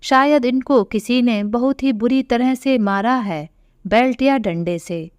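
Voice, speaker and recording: A woman voicing a calm male hospital doctor who explains a patient's condition in an audio story. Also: on the high side, measured pace, clean tone, no room sound, lightly acted. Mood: explaining. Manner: matter-of-fact, explaining.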